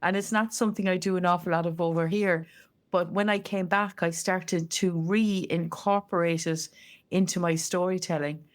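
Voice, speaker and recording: A woman's voice: lowish voice, steady tone, normal speed. An Irish woman, a storyteller and co-host, chatting casually in conversation. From Ireland.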